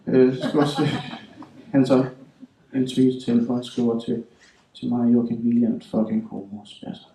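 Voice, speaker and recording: A man reading his own literary writing aloud in a deliberate, measured way. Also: medium pitch, flat delivery, dark tone, distant mic, a little hiss or hum. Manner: measured, deliberate delivery with slow emphatic stretches. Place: reading hall at a writing school. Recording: roomy hall, voice from afar.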